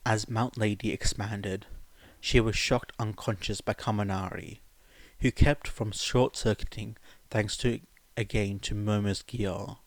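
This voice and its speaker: Speaking a little slowly in a low voice with fairly even intonation, this man reads amateur podfic, singing verses as he narrates and rambling casually afterward. He's informal and self-deprecating, and there's no room sound.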